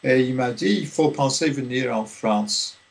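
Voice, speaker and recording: An older man from Liverpool, a theology professor, speaking in a radio interview, slowly and with many hesitations. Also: mid-range voice, vocal fry. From Liverpool, England. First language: English. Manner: slow, halting, many fillers.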